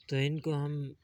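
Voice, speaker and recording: Slow, patient male reading teacher. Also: a little high, mellow. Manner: patient, coaxing, calls the student "beta"; drags out each letter name slowly when modeling. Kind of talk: one-on-one recitation lesson.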